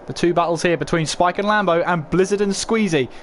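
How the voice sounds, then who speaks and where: A man's voice: sits high, a little fast, a little hiss or hum. A man commentating live on a motor race as a motorsport commentator, calling it play-by-play and posing questions as he goes. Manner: running play-by-play with rhetorical questions.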